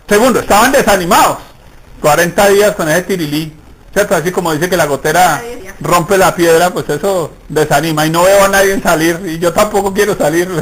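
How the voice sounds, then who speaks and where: Male preacher, high-pitched, sermon delivery, keeps checking in with rhetorical questions. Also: rough recording. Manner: asks the congregation rhetorical questions. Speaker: pastor.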